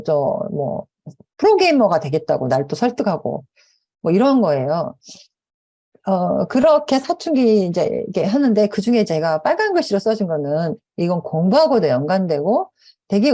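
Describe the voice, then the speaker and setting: A middle-aged woman speaking at a conference, telling personal stories in a lively way and acting out quotes. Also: fairly low pitch. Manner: animated storytelling with acted quotes. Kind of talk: conference talk. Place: conference hall.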